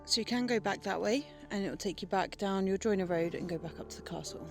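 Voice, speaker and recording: A woman's voice: medium pitch, fast talker, soft background music. A woman chatting casually and enthusiastically as she narrates a country walk for a vlog. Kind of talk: casual chat.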